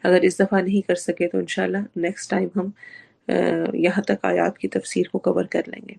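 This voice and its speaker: A woman with a slightly sore, hoarse throat teaches Quran recitation rules online in a lowish, level, somewhat mellow voice. She breaks down sounds step by step, quizzes her students, and slips English words into her speech.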